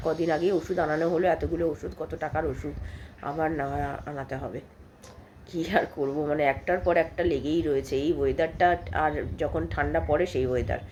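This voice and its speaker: A woman in her thirties, sick with a cold and coughing, vlogs her day at home in a rambling, homely chat. Her voice is deep and a little mellow, with a slight hiss or hum in the audio.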